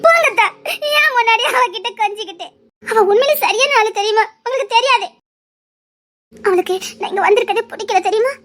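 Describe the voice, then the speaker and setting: Brief: a young woman in love, clingy and jealous, crying hard, fast and very high. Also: a bit bright. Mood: tearful pleading. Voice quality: sobbing, half laughing through tears. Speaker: lovesick cousin in a TV serial. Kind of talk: TV serial melodrama.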